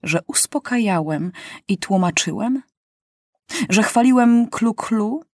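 A woman voicing a sly male journalist spy who speaks in a quiet, pleasant, calm voice, in an audiobook reading. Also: high-pitched, takes it slowly, no room sound, clean studio sound, voice pushed up, heavily acted.

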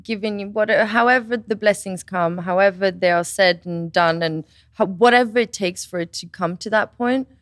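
Young woman telling an animated story. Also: medium pitch, moderate pace, hardly any pauses, no room sound, studio quality. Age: 20s. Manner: animated storytelling, quoting others. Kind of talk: casual chat.

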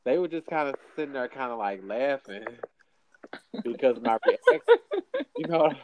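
A man's voice: mid-range voice, lively intonation, moderate pace, lo-fi sound, slight background noise. A man with a St. telling a story in casual chat, dry and laid-back, full of "like" fillers and acting out the people he quotes.

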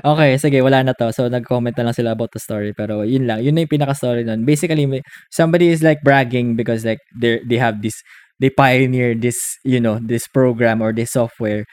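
Animated Filipino man telling stories. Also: mid-range voice, fast, smooth, no echo, studio quality. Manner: animated storyteller, switching between Tagalog and English. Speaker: podcast co-host. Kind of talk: casual chat.

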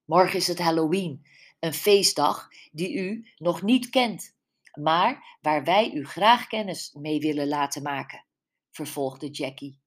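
A woman's voice: deep voice, lively intonation, slow pace, heavily acted. A woman putting on an eager newcomer mother. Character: newly arrived mother, eager and hopeful.

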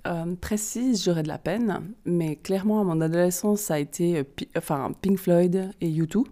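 Podcast guest, a woman with a Vaud accent, lowish mellow voice, halting and thoughtful. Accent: Vaud Swiss French. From Switzerland. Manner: hesitant, searching for words. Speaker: holistic therapist guest. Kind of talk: podcast interview.

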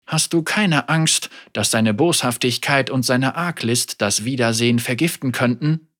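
A storybook reader voicing a brooding male swordsman, rough, bitter and terse. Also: medium pitch, a bit bright. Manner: terse, halting.

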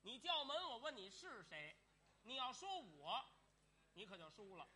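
A woman performing a comic stage duet, bantering quickly and playfully before an audience. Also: on the high side, big pitch swings, bright, forceful tone. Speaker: comedian. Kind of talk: crosstalk comedy duet.

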